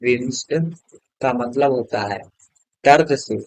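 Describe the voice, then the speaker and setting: A man's voice: medium pitch, steady tone, slow, no room sound, rough recording. A man teaching an English grammar lesson in a classroom style. He asks his students questions and answers them himself, and he spells words out letter by letter.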